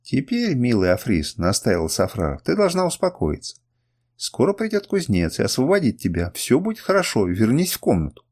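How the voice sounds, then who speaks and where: A man's voice: medium pitch, wildly swooping pitch, fairly quick, darkish tone, breathy edge, full character voice. A man playing a scheming older merchant who coaxes and soothes his young ward. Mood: coaxing. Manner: soothing, coaxing. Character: smooth, scheming older male merchant guardian.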